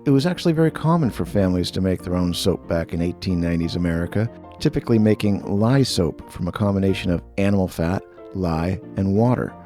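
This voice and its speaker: A man's voice: low-pitched, lively intonation, fairly quick, warm tone. A man reading scripted narration as a narrator introducing archive material. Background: faint music.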